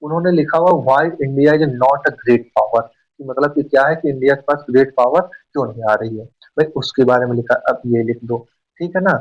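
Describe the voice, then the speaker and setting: A man teaching an exam-prep lesson in a fast, chatty way, often asking and answering his own questions. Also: medium pitch. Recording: dull, slightly distant mic.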